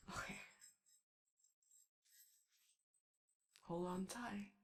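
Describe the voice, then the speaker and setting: A woman voicing an excitable, gentle animatronic sun attendant who rambles hesitantly and chattily in an ASMR comfort roleplay. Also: medium pitch, exaggerated voice. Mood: eager, giggly. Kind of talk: ASMR character roleplay, improvised-sounding comfort monologue.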